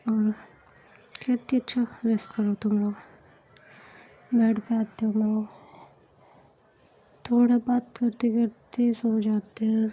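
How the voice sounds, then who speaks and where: Lady doing a whispered role-play story, pretty high but super flat, hushed. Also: slow, pauses often, breathy edge, rough recording. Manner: soft narration in frequent whispers, voicing all characters herself.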